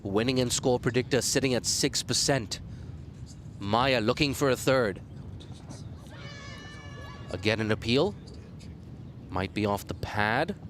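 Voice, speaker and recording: A man commentating live on a cricket match, losing his voice and jumping up in pitch and volume whenever a wicket falls. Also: unhurried, long pauses, a bit bright, slight background noise. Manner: rises sharply in pitch and volume on wickets and appeals.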